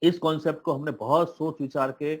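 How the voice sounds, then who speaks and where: A man speaking on an online meeting call, pitching a business plan in a motivational tone with many hesitant fillers. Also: steady tone, fairly quick. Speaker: presenter of crypto network plan. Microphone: online call audio.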